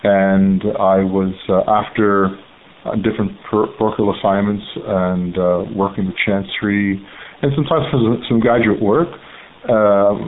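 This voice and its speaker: A Canadian man in his forties, a priest and seminary rector, answering radio interview questions in a halting way with many ums and uhs. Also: fairly low pitch. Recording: tinny phone-line sound with faint hiss.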